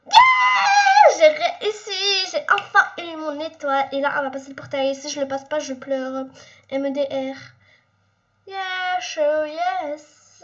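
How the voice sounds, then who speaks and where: A young woman chatting excitedly over her own gameplay, with sudden squeals and lots of chatter. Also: high voice, highs cut off. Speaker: gaming YouTuber. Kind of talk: casual gameplay commentary.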